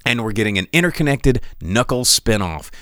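A man with a mid-range voice talks a little fast as he hosts a podcast of casual solo movie commentary. He rambles through animated rants, restarting and stumbling a lot. The sound is clean studio quality with no echo.

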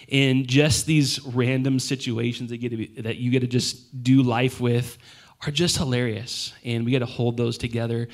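A man in his thirties, a pastor with a hoarse, worn voice, reflects personally and informally at a church service, in a halting, self-deprecating way. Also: mid-range voice. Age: 30s. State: hoarse, voice nearly gone.

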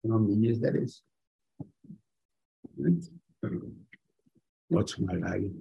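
A man's voice: lowish voice, expressive, slow, vocal fry, husky, muffled recording. A man gives an informal religious lecture as a rabbi, using rhetorical questions and short, emphatic repetitions. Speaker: rabbi giving a Torah lesson.

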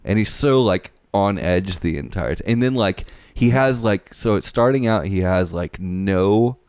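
A man's voice: low voice, expressive, unhurried, darkish tone, smooth, no room sound, studio quality. A man co-hosting a casual podcast chat, jokey and self-deprecating about his nerves. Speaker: podcast co-host.

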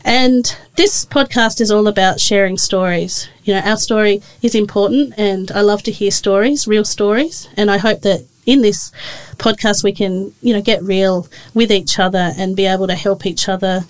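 A woman in her thirties, hosting a podcast. Her voice sits at a mid pitch and she talks in a relaxed, chatty way with plenty of fillers. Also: normal speed, hardly any pauses, poor audio. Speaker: podcast host. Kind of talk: casual podcast chat.

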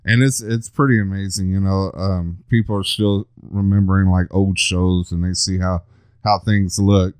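A male podcast host with a low, smooth voice chats casually with his guest. He jokes and teases in a loose, friendly way. The sound is dry and close, with no room around it. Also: steady tone, normal speed, dry recording. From Texas. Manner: jokey, teasing, chatty. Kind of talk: casual interview chat.

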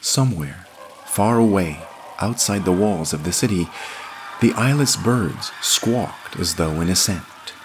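A man narrating a scripted fantasy story in a measured, expressive reading. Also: deep voice, noisy background.

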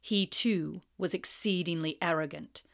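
A cold, sneering male professor, as a woman reading a storybook aloud puts him on. He drawls slowly, with quiet menace behind every word, and the voice sits low. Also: gravelly.

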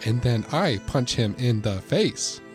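A man's voice: mid-range voice, animated, darkish tone, faint music behind, lightly acted. A man mimicking a stiff robot voice. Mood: deadpan robotic. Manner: slow, stiff, sing-song robotic delivery. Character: male text-to-speech robot narrator of a video app.

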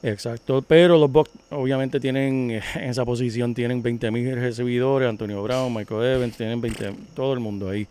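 A man's voice: medium pitch, fairly even intonation, normal speed, few pauses, mellow, smooth. Chatty man talking football news. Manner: laughing, chatty, news-reporting. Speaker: podcast co-host. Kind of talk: casual sports talk.

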